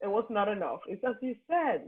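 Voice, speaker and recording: A Cuban woman, a native Spanish speaker who hosts a podcast, talks casually over a remote call in emphatic, slightly broken English with a Cuban Spanish accent. Her medium-pitched voice swings widely in pitch at a brisk pace, and the audio sounds tinny and phone-like.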